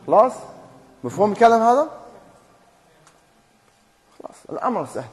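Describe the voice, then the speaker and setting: A man with an Algerian Arabic accent leads a tajweed class, and his voice sits fairly high for a man. He keeps questioning his students, then spells out the rules himself. The sound carries a long reverb from a mosque hall. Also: sing-song, a little fast, a little mellow. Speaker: Quran recitation teacher.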